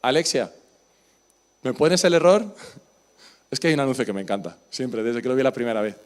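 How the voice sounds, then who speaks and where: A man's voice: mid-range voice, animated, normal speed. A man with a Spain Spanish accent preaching a sermon in church, talking with the congregation and asking them questions. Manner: conversational, asks the congregation questions. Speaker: pastor. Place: church service.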